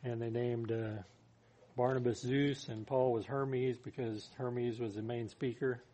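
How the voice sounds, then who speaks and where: A man's voice: mid-range voice, steady tone, unhurried, mellow, slight background noise. A man preaching a sermon as a pastor, talking in a conversational way and putting scripture into plain everyday words.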